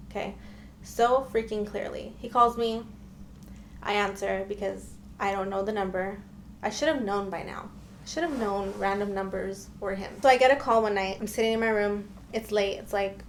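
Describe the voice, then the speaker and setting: A woman's voice: mid-range voice, gravelly, a little hiss or hum. A young woman telling a personal dating story to her viewers in a casual, emphatic storytime style. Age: young adult. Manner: chatty and emphatic, often addressing viewers. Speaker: storytime vlogger.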